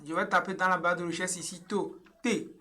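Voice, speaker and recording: A man's voice: high voice, steady tone, brisk, sharp tone. A young man from Togo walking viewers through an online form step by step, patient and repetitive with frequent hesitations, recorded on a webcam in a small room. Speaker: online tutorial presenter. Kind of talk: screen-share tutorial walkthrough.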